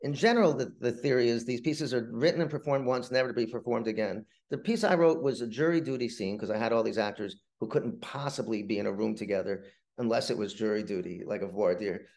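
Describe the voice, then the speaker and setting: The speaker is a middle-aged playwright being interviewed. He narrates conversationally yet haltingly, rambling and often saying words twice, in a slightly mellow, medium-pitched voice.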